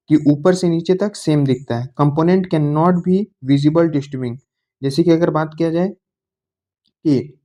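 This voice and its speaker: A man teaching a science lesson to school students, reading English definitions slowly and then explaining in Hindi in an easygoing, coaxing way. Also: fairly high pitch, mellow. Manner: coaxing, informal, addresses students as bhaiya. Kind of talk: classroom lecture to school students.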